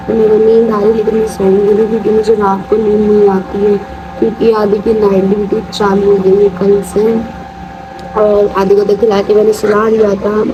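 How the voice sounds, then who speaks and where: A woman's voice: mid-range voice, gravelly. A young woman chatting casually and at length while cooking, recorded on a phone in her home kitchen. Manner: rambling, talkative, peppers speech with "matlab" and "yaar". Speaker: vlogger. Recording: noisy phone recording with room ambience.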